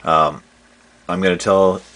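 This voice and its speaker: A congested, sniffly man casually walking through his homemade gear build, with many pauses and "uh" fillers. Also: sits low, fairly even intonation, fairly bright tone. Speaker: airsoft modding vlogger. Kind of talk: casual show-and-tell walkthrough.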